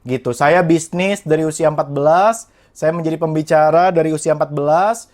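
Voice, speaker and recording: A man's voice: on the high side, brisk, darkish tone. A man in his twenties from West Java, a young entrepreneur guest telling his life story in an earnest, motivational way and speaking straight to the listeners. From Indonesia, West Java. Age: 20s. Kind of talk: motivational interview talk.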